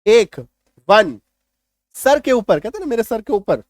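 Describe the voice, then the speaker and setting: Man teaching English words, higher voice. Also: big pitch swings, unhurried, no room sound, clean studio sound. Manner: patient explaining, repeats checks like "clear?". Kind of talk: Hindi-language English vocabulary lesson.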